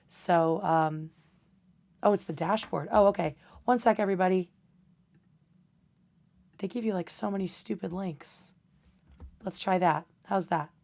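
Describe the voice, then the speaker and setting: Brief: young woman streamer, casual rambling chat, voice pitched a bit low. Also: a little slow, creaky, pauses often, darkish tone. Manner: loose, rambling delivery. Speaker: livestream host.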